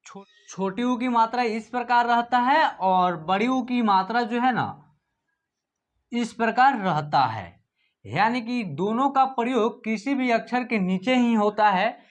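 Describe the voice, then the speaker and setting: A woman teaching Hindi reading online. She explains patiently and repeats herself, drawing out single syllables one by one and often adding the filler "jo hai na". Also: a little high. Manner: patient, repetitive, slowly sounding out syllables. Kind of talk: explanatory lesson narration.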